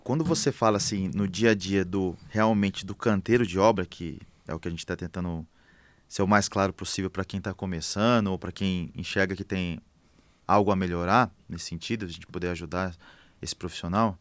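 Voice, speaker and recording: A man's voice: sits low, steady tone, moderate pace, no room sound. A man, a construction manager talking casually in a podcast interview, thinking aloud with many fillers and restarts.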